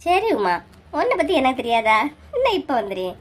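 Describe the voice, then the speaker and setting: A performer voicing a sly, flattering husband in a cartoon, with a Kanyakumari Tamil accent. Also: high voice, a little fast. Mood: coaxing. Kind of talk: cartoon voice acting.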